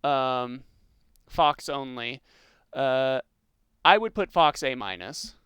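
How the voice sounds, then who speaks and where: A man hosting a podcast, chatting in a relaxed way about video game characters with lots of ums and likes. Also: mid-range voice, slow, clear, resonant tone, dry recording. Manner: relaxed, many fillers like um and like. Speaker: podcast host.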